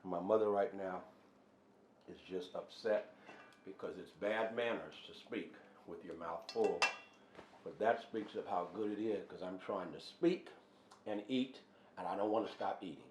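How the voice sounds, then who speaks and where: A man's voice: sits low, moderate pace. A middle-aged man tasting his wife's cooking, joking around and talking with his mouth full. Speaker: host's husband tasting food. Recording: echoey room, faint noise.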